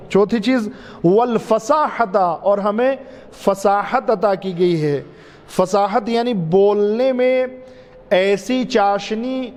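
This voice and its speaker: A man, a cleric giving a majlis sermon, repeating key phrases in a drawn-out, emphatic way and calling his listeners dear ones. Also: high voice, a little mellow. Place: mosque. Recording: reverberant mosque hall, faint ambience.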